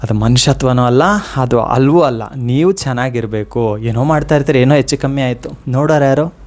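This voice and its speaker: Earnest man giving a devotional talk. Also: medium pitch. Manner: earnest, repetitive, addressing listeners directly; slows to a soft chant for prayers. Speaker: devotional motivational speaker.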